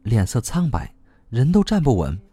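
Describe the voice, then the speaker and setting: A man voicing a sly young woman in an audiobook, teasing and needling in a soft voice. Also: mid-range voice, wildly swooping pitch, moderate pace, slightly rough, faint music behind. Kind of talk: audiobook reading.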